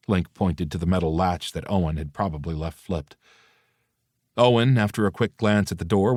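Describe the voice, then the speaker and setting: A man narrating an audiobook in an even, matter-of-fact way. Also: low voice, no echo, clean studio sound. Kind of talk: scripted narration.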